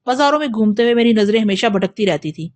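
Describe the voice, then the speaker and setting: A woman reads a novel aloud in a steady, measured way. Her voice sits a little high, and her pace stays even through long passages. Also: dry recording. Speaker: audiobook narrator. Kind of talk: scripted narration of a novel.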